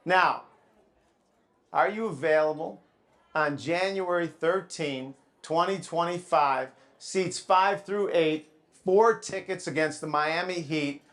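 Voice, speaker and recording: A man's voice: on the high side, slow, fairly bright tone. A man working as a live auctioneer, calling out bids to a room and teasing the bidders like a showman.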